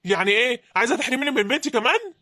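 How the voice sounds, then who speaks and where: A woman voicing a proud, rude husband with an Egyptian accent in an animated drama. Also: a little high, very fast, no room sound, clean studio sound, exaggerated voice. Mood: defiant. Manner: mocking and defiant.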